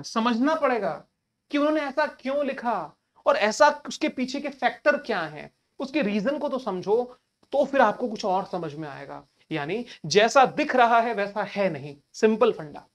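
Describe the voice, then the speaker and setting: A male teacher giving an exam-prep lecture in a conversational way, often asking rhetorical questions and addressing students casually. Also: sits high. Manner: colloquial address to listeners.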